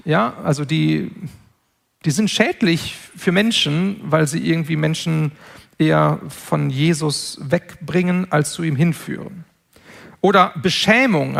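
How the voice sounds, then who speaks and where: High-voiced, gravelly man lecturing earnestly. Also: a bit bright. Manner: measured, earnest, with frequent word repetitions. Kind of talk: spoken lecture.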